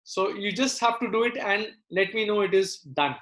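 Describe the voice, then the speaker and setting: In an indoor room, a man runs a live online maths class, working through problems aloud step by step and pausing to check in with questions. His high voice is fairly bright and expressive, moving at a moderate pace.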